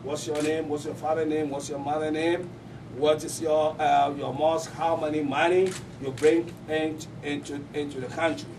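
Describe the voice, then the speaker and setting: A man recounts his experiences at a press conference, repeating words as he searches for them. His voice is a little higher than usual for a man. The microphone sits far from him and clear room noise comes through. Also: level tone, moderate pace. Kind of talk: personal testimony at a press conference.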